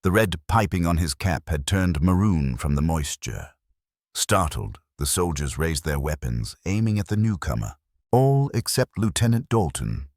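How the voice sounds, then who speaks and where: A man narrating a dark fantasy audiobook in a steady, measured storytelling manner. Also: sits low, no room sound, clean studio sound.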